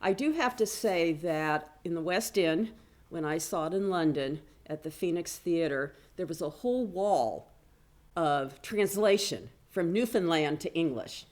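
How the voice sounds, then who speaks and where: A woman with a low voice presents at an academic conference, walking through her slides. She is a business professor and talks in a chatty way, dropping self-deprecating asides as she goes. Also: lively intonation, a little slow, darkish tone. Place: conference room.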